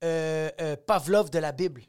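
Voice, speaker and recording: A man's voice: a little high, normal speed, darkish tone, clear, resonant tone. A young man in casual comic chat, emphatic and constantly dropping "bro". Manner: emphatic, peppers speech with "bro".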